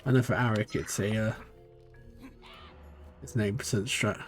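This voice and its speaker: A man's voice: fairly low pitch, steady tone, moderate pace, soft background music. A man with a British accent that drifts between regions, chatting and thinking aloud while he streams a live speedrun. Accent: British, shifting between regions. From Britain. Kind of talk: live-stream gameplay commentary.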